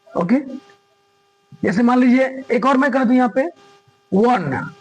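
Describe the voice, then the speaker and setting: A man's voice: very high voice, takes it slowly, darkish tone, low-quality recording. A man teaching grammar, stressing his points with repetition and asking his students questions as he goes. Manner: emphatic, repeats points and quizzes students. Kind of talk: classroom lesson explaining grammar.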